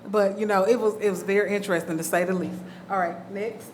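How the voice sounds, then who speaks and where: A woman's voice: mid-range voice, fairly even intonation, brisk, a little mellow, slight background noise. A woman moderating a book festival panel, enthusiastic and chatty, often checking in with the crowd. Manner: enthusiastic, cheers and asks the crowd "okay?".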